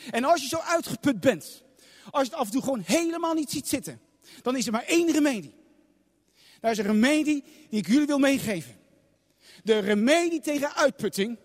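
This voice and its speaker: A man preaching a sermon with passion, repeating phrases for emphasis. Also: very high-pitched. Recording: long reverb of a large hall.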